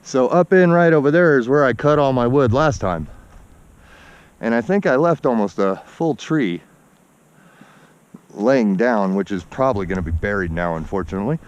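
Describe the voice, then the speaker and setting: A man's voice: medium pitch, lively intonation, normal speed, long pauses, clear, resonant tone. A man giving a casual, folksy, instructive walk-along narration outdoors, somewhat out of breath from hiking uphill. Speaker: outdoor vlogger. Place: outdoors on a snowy forested mountainside. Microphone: body-worn action camera. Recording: dull muffled action-camera sound, outdoor noise.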